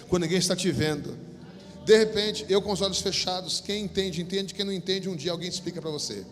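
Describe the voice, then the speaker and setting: A middle-aged Brazilian man preaching as pastor, his voice pitched high. He swells into loud bursts, then drops low to tell a story. The sermon rings through a church hall with a long reverb and faint music behind. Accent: Brazilian Portuguese.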